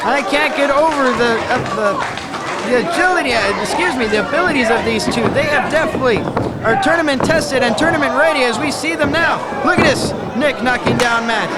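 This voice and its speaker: A man giving excitable, emphatic wrestling commentary, calling each move as it happens. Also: extremely high pitch. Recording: loud crowd noise behind. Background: wrestling event crowd.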